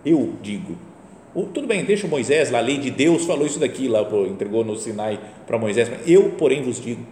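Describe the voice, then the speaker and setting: A male priest with a Brazilian Portuguese accent delivers a sermon in an easy, conversational way. His voice is lively and rises and falls a lot as he leans on rhetorical questions. It rings through a reverberant hall, with faint ambient sound behind him. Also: mid-range voice, fairly quick, a little hiss or hum.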